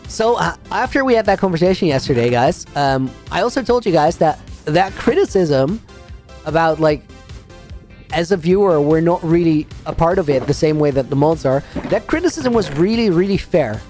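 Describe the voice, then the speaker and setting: A man's voice: a little high, expressive, moderate pace, darkish tone, faint music behind. A man streaming a game, chatting casually with viewers, rambling and laughing often while reading out names. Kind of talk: casual livestream chat while playing a game.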